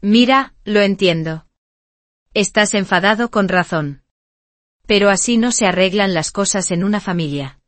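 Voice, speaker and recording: A woman's voice: mid-range voice, a little slow, no room sound, close to an everyday voice. A woman voicing a smug, easygoing younger brother in an audio story, talking in a breezy, dismissive way.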